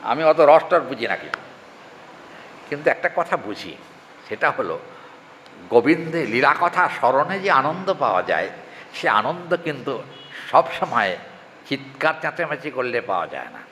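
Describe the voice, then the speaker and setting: A man giving a devotional scripture talk, chanting Sanskrit verses slowly and often asking his listeners questions. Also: medium pitch, very animated, a bit bright. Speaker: religious reader and preacher. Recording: hall reverb, faint ambient noise.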